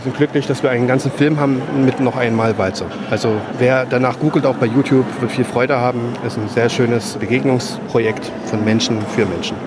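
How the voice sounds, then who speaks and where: Man running a community project, talks it through smoothly, loud noise behind. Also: mid-range voice. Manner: fluent, explanatory. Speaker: project organizer guest. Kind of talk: radio interview.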